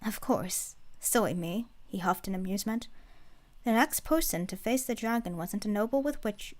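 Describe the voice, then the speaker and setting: A woman's voice: mid-range voice, animated, fairly quick. A woman reading fiction aloud as a narrator, in a dramatic scripted narration style.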